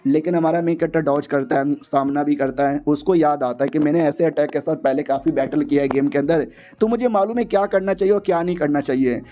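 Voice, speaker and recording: High-voiced man doing slangy recap narration. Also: a little fast, dark tone, highs cut off. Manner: slangy, joking. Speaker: story narrator. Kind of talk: casual comic recap narration.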